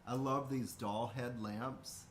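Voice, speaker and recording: A man's voice: medium pitch, fairly even intonation, slow pace. An American man co-hosting a casual livestream, speaking hesitantly and repeating himself. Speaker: co-host. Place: indoor room. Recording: roomy echo, faint background noise.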